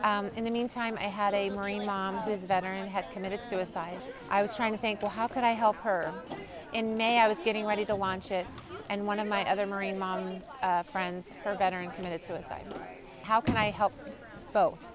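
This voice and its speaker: A woman's voice: medium pitch, little pitch movement, brisk, crowd noise. A woman foundation founder speaking earnestly in an interview.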